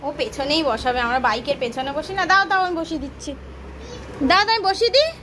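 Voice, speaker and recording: Woman, young, Kolkata Bengali accent, very high soothing voice, casual home vlog, noisy recording. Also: big pitch swings, fast. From Kolkata, West Bengal, India. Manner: coaxing, soothing, repetitive talk to her baby. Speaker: vlogger and mother. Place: family home.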